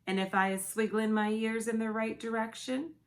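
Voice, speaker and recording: A woman voicing a gentle, big-eared male giant who talks earnestly in mixed-up, ungrammatical words. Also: on the high side, steady tone, normal speed, voice pushed up, close to an everyday voice.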